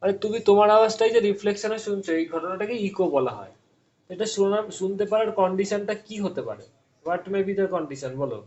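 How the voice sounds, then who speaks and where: A man's voice: high voice, expressive, brisk, darkish tone, highs cut off. A male physics teacher giving an online class, explaining step by step and often stopping to quiz his students.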